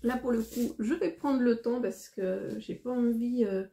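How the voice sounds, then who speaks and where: A woman from France vlogging casually as she unboxes a parcel, talking in a hesitant, rambling way with frequent pauses. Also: on the high side, gravelly, mellow.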